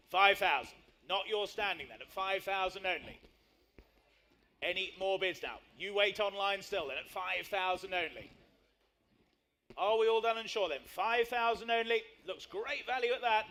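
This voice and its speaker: A man's voice: high voice, bright, forceful tone. A man working as an auctioneer, calling a live sale in short, repeated phrases and numbers. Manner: repetitive bid patter with short clipped phrases.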